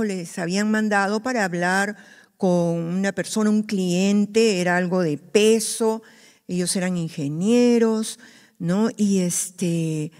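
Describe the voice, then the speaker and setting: A woman's voice: mid-range voice, warm tone. A woman pastor with a Peruvian accent preaching a sermon in a church, acting out the worried cries of believers. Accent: Peruvian Spanish. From Peru. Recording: long church hall reverb.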